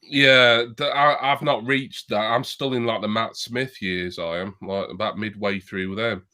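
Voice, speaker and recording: A man's voice: fairly low pitch, fairly even intonation, a little slow, pushed and bright, smooth. A man in casual chat on a livestream call, meandering and thinking aloud as he talks.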